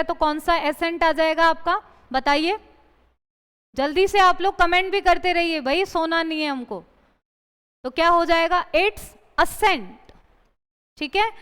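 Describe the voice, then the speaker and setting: A woman teaching an exam-prep English lesson, explaining in Hindi, reading English example sentences slowly and asking the class questions she then answers herself. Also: extremely high pitch, fairly bright tone, long reverb tail.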